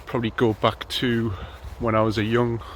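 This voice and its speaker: Out for a run on a snowy morning, a man in his thirties from North East England talks at a moderate pace in a mid-range voice. He's a running vlogger filming on a handheld camera, and his chat is easygoing and meandering, full of ums, with slight noise in the background.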